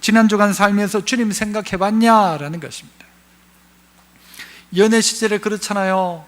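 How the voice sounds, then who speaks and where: A male pastor, preaching a sermon to his congregation. He swings between loud, fervent passages and hushed, low asides, and puts questions straight to the listeners. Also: steady tone, normal speed. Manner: asks the congregation questions directly.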